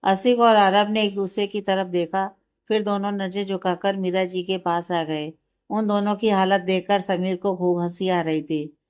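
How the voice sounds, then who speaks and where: Smooth-voiced woman narrating a story. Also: medium pitch, fairly even intonation, measured pace, darkish tone.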